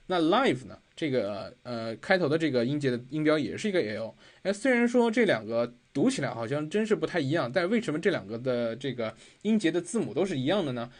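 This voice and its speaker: Patient Chinese tutor repeating phrases. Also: male voice, on the high side, big pitch swings, brisk, few pauses. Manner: explains patiently, repeats phrases, many fillers. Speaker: English pronunciation tutor. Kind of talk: recorded online lesson.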